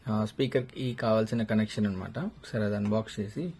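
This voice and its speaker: Speaking briskly in a low, darkish voice, a male motovlogger unboxes a product and shows how to install it step by step. He keeps the tone casual and explanatory, dropping in English terms. His lavalier mic captures noticeable noise and room ambience.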